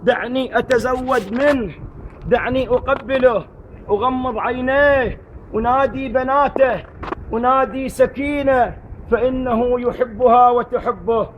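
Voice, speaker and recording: A man's voice: extremely high pitch, a little slow, lo-fi sound, slight background noise. A man voicing a grieving noble woman who pleads over her brother, crying out her lament from inside a moving vehicle. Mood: pleading.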